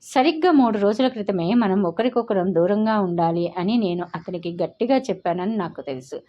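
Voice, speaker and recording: Woman storyteller, mid pitch, dramatic and emotional first-person novel narration, slightly dull lo-fi sound. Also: lively intonation, normal speed.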